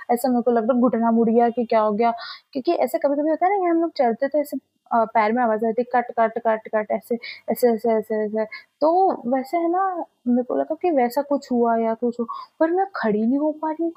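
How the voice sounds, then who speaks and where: A young woman vlogger telling a personal story in a casual, animated way, acting out sounds and her own past words. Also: a little high, no room sound, dull audio.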